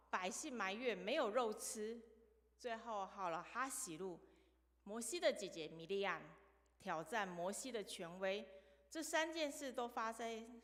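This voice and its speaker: A woman's voice: fairly high pitch, fairly bright tone. Woman preacher, storytelling sermon style, recorded in a reverberant church hall. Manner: storytelling, asks the congregation questions. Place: church sanctuary.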